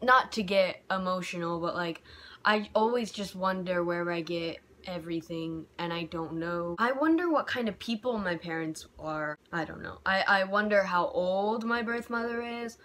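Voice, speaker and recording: In this reflective home vlog recorded in a bedroom by a window, a young American woman talks candidly and rambles about how she feels, heavy on "like" and restarts, and turns heated when frustrated. Her fairly low, slightly bright voice moves at normal speed.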